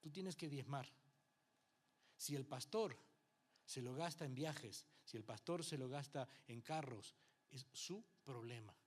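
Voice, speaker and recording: A Uruguayan pastor teaches a Bible class at church in Uruguayan Spanish with some Mexican influence, speaking at an unhurried pace in a medium-pitched voice. He preaches conversationally, engaging the congregation with frequent rhetorical checks and acting out what people say.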